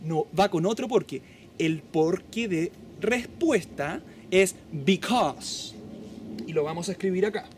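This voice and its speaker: Lively, slow-spoken male Spanish teacher of English. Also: sits high, a little hiss or hum. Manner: slow, drawn-out model pronunciations with lively teacherly emphasis. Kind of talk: bilingual English lesson for Spanish speakers.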